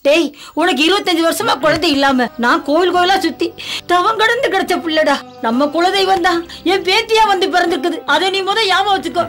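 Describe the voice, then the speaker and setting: An actress playing an older grandmother who loudly and sharply scolds the people around her. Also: very high voice, expressive, a little fast. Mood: indignant. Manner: loud, scolding, sharp-tongued. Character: fierce scolding village grandmother. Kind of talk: film drama dialogue.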